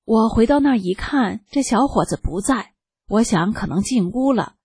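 An older woman telling a first-person testimony in a slow, earnest read-aloud manner. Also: a little high, expressive, darkish tone, breathy edge, no echo.

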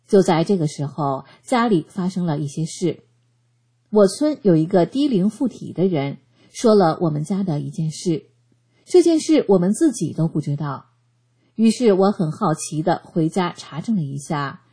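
A woman giving a scripted narration of a first-person testimony, reading in an earnest, steady way. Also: lowish voice, husky.

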